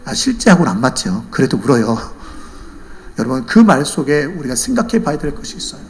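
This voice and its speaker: A man's voice: medium pitch, sing-song, brisk. A male senior pastor preaching a sermon, telling a story and driving it home with emphatic rhetorical questions.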